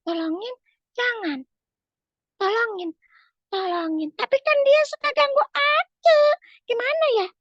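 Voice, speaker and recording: A woman voicing an earnest little schoolgirl in a storytelling session for children, in a squeaky childlike voice. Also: animated, a little slow, long pauses, no echo, highs cut off. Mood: worried. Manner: earnest, chatty, talks to the young audience.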